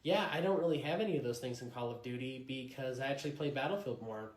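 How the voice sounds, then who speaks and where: Guy doing young woman game store worker, soft polite customer service voice. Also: medium pitch, fast talker, reverberant, pitched below the performer's own voice, close to an everyday voice. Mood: guarded. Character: polite, patient young female game shop clerk.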